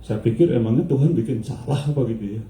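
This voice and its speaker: A male pastor preaching a lively sermon, switching between Indonesian and English and putting questions to the congregation. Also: medium pitch, fast. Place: church hall. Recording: echoey church hall, mic at a distance.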